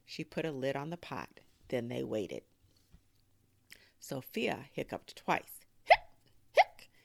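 A woman hosting a storytime, reading a children's book aloud in an expressive, animated way. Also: extremely low pitch, slow pace, gravelly, no room sound. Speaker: storyteller host.

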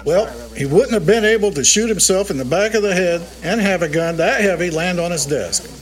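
A man plays a cocky cop partner in an audio drama, high-voiced and flippant. His jokes land with careless bravado. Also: a little fast, natural voice. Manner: flippant, joking.

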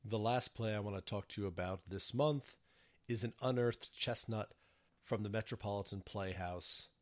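A man reading his prepared theater reviews in a measured scripted narration. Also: on the low side.

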